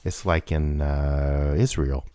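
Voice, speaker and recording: A man's voice: a bass voice, steady tone, slow, warm tone, clear, resonant tone, no echo. A man co-hosting a podcast, jokey and playfully confused, rambling through his points in casual chat. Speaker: podcast co-host.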